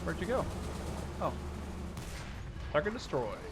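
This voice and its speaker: This man's voice sits on the high side, swinging widely in pitch and moving a little slowly. He's a gaming video host in his twenties, Dutch and Canada-based, giving playful, chatty commentary and often thinking aloud as he plays. Behind him are tank game sounds with vehicle and game noise.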